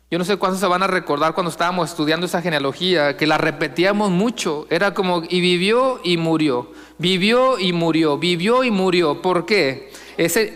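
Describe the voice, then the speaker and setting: A male pastor preaching a sermon, posing questions to the congregation and reading scripture slowly and with emphasis. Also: high voice, a bit bright, clear, resonant tone, long reverb tail. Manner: asks the congregation questions and answers them.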